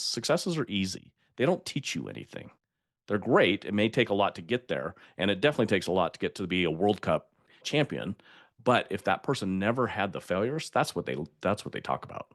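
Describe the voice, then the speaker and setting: A man's voice: deep voice, dry recording, clean studio sound. An older man speaking as a podcast guest, telling stories in an emphatic way and laughing at himself. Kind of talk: conversational interview.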